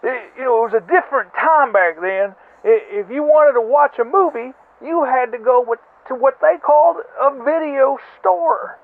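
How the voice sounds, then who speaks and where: A man with a very high voice leaves a rambling voicemail, heard over a landline phone. The sound is thin and tinny, as on an old phone line. He chats loosely, with plenty of "you know" and side remarks. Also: moderate pace, hardly any pauses. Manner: chatty, rambling, full of "you know" and asides. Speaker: caller leaving a voicemail. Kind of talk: rambling comic voicemail story.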